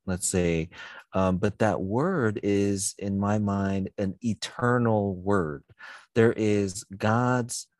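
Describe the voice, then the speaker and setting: A man's voice: lowish voice, darkish tone, dry recording. A man, a pastor, talking through a Bible passage in a thoughtful, searching way. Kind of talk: conversational Bible discussion.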